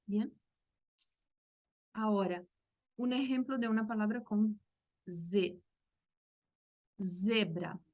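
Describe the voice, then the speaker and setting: Brazilian woman, Portuguese native, teaching a language lesson; slightly high voice, slow and patient, shows each sound with care. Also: a little mellow. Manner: patient, demonstrating sounds carefully.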